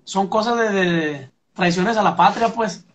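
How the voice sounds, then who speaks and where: A man's voice: sits high, measured pace, slight background noise. A young Mexican man, a musician, telling his story in a casual interview, full of fillers and "pum" sound effects.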